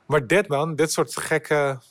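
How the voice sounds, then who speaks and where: A young man, a podcast guest, telling a lively anecdote, swearing freely and dropping English words into his talk. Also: fairly high pitch. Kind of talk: storytelling anecdote.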